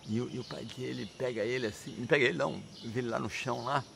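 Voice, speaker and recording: Gravelly man telling a sacred story. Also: mid-range voice, steady tone, fast talker, a bit bright, slight background noise. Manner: chatty, laughing asides, frequent tag questions. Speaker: religious storyteller. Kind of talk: casual religious storytelling.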